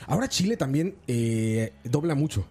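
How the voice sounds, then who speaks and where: A man's voice: mid-range voice, sing-song, normal speed, darkish tone, slightly rough. A man co-hosting a casual podcast, joking, swearing casually and laughing often. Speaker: podcast co-host. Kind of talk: casual chat.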